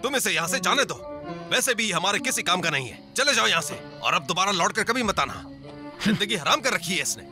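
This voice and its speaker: Dub casting: a cruel stepfather, high and swinging, music under him. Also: expressive, brisk. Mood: harsh. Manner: barking, contemptuous. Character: harsh, domineering stepfather. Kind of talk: Urdu film dub acting. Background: film score.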